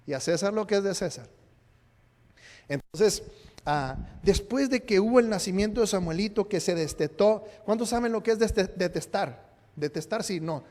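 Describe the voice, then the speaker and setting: This pastor's voice sits high and sounds a little mellow as he preaches in a church sanctuary. He keeps things playful, joking and quizzing his listeners. A long church hall reverb colors the audio.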